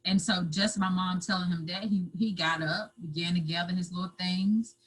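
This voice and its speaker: Woman guest, husky and low, halting storyteller near tears. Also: steady tone, low-quality recording. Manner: halting, repeats words, breaks into tears. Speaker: interview guest. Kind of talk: emotional personal storytelling.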